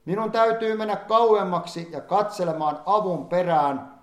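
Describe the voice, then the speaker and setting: A man reading an old-fashioned sermon aloud in a solemn, fervent manner, rising in emphasis on pleading passages. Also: high-pitched. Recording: echoey room.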